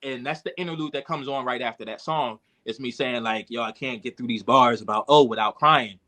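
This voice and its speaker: Reflective man, bright forceful voice. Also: mid-range voice, brisk. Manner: emotional, reflective, many fillers and restarts. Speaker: podcast guest, rapper and producer. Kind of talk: candid conversational storytelling.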